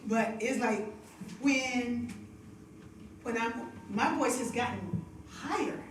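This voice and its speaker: Here a female devotional host and singer, her voice fairly high, leads a live session full of chatter, laughter and drawn-out storytelling about spiritual matters. Background noise is present, and she's picked up from far off in an echoey music room through a stage microphone with monitor feedback.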